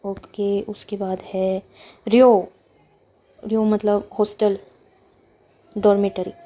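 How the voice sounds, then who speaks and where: A woman's voice: mid-range voice, little pitch movement, slow, dark tone. A woman teaching a Japanese lesson, patiently reading words and explaining each one with repetition and translation.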